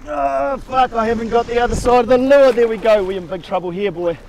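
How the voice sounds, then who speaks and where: A man in his forties with a New Zealand accent, hosting a fishing show from his boat, excited, whooping and swearing freely as he talks. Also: very high voice, fairly quick, vocal fry. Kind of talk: casual on-the-water commentary. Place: outdoors on the deck of a small fishing boat at sea. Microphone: action camera mounted on the boat. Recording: wind and engine noise on open water.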